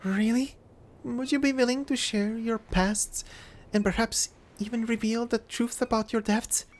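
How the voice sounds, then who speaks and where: Someone playing a polite young woman, raised pitch. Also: fairly even intonation, measured pace, lightly acted. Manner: courteous, earnest.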